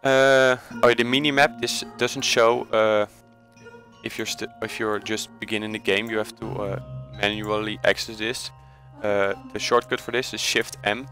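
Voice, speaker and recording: In a steady, lowish voice with a sharp tone and normal speed, a Dutch man explains a game in a relaxed screen-recorded tutorial, his accent audible. He stumbles with hesitant fillers and keeps correcting himself, while faint music plays in the background.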